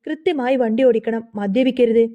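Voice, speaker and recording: A woman's voice: a little high, fairly quick, dull audio, lightly acted. A woman voicing a loyal, outspoken young wife who speaks firmly.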